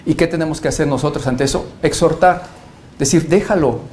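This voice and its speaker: A man's voice: a little high, fairly even intonation, a little fast, darkish tone, slight background noise. A man, a pastor answering interview questions in an earnest, emphatic preaching manner, often quoting scripture.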